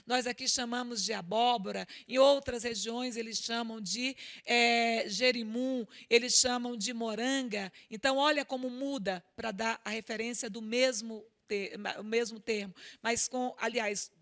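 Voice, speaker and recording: A woman's voice: a little high, fairly even intonation, normal speed, hardly any pauses, a bit bright. A middle-aged woman teacher with a Maranhão accent, giving a lecture and often checking in with her students. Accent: Maranhão Brazilian Portuguese. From Maranhão, Brazil. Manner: explanatory, checks in with "tá?" and "certo?". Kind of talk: classroom lecture.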